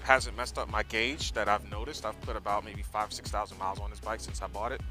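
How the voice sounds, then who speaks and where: A man's voice: on the low side, fairly even intonation, fairly quick, music in the background. An American man chatting casually from inside his motorcycle helmet as he rides, rambling and correcting himself in an easygoing way. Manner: talking from inside a motorcycle helmet while riding. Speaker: motorcycle vlogger. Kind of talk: casual rambling ride-along chat.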